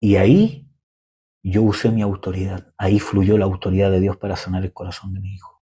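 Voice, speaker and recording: A young man preaching a sermon in a conversational way, often pausing with fillers. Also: sits low, steady tone, dark tone, slightly rough. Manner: conversational preaching, frequent "¿cómo se llama?" fillers.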